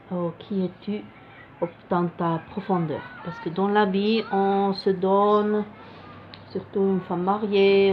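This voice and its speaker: A woman with a foreign accent in French, a non-native speaker, explaining cards casually to viewers and searching for her words. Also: lowish voice. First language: not French. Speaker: card reader presenting a card deck. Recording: dull lo-fi sound with faint noise.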